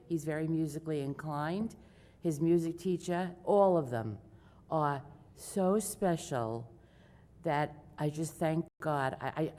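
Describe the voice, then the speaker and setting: Emotional low-voiced mother at a hearing. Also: mellow. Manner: emotional, grateful, halting with restarts. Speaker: resident speaking at a hearing. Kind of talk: public comment. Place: village hall meeting room. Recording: reverberant hall with faint noise.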